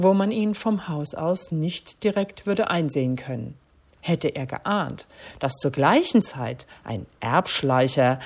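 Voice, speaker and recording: A woman reading a crime story aloud in a measured, expressive way. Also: lowish voice. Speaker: narrator.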